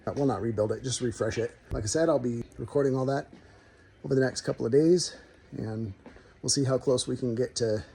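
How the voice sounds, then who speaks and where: This DIY car builder has a warm, medium-pitched voice, and he talks casually to his viewers from his home garage, drifting a little as he describes his car project. There's slight background noise.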